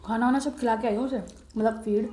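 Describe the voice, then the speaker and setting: A young woman co-hosting a mukbang vlog, making quick, offhand remarks in casual chat while eating. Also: on the high side, fairly even intonation. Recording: roomy echo with loud background noise.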